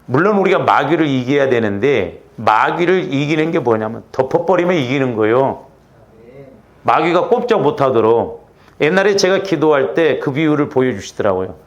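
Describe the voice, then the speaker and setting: A man preaching a Friday night church sermon, animated, acting out little quarrels as he goes. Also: mid-range voice, moderate pace, highs cut off. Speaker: pastor.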